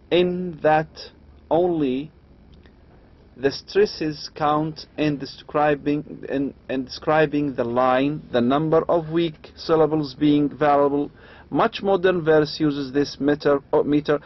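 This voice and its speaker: A man with an Arabic accent lecturing on poetry, reading slowly and adding quick asides. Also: a little high. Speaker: university lecturer. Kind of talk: lecture explaining English meter, mixing English and Arabic. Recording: dull lo-fi lecture recording.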